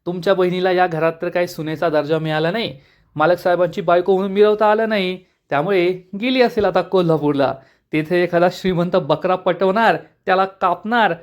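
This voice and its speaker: A contemptuous, bratty young man who barks orders and sneers, voiced by a man retelling a serial. His voice rides up high and loud as he mocks. The delivery sounds like a home-made soap recap. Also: steady tone, brisk, muffled recording, lightly acted. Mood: scornful. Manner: shouting, contemptuous. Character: rude spoiled young man, Pranjal.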